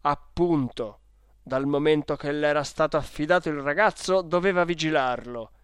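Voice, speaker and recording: A reader playing stern male railway officials, loud and firm, setting out the rules in an official tone. The sound is dry and close. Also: medium pitch, normal speed, clear, resonant tone, dry recording, lightly acted. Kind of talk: audiobook character voice.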